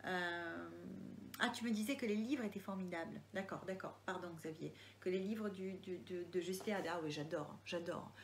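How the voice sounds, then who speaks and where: A woman's voice: lowish voice, normal speed, slight background noise. A woman with a Marseille accent, an author answering viewers' questions in a casual live session, reading comments aloud and often hesitating and restarting. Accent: Marseille French.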